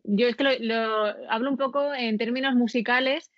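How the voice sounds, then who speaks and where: A woman, a voice-acting student, answering interview questions thoughtfully with frequent fillers and pauses. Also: on the high side, steady tone, no room sound, lo-fi sound. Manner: thoughtful, hesitant with many fillers. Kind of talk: conversational interview.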